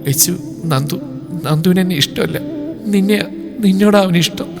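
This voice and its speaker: A man's voice: high voice, normal speed, music in the background, pitched above the performer's own voice. A man voicing a sobbing, pleading young woman. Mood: pleading, tearful. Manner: sobbing, begging.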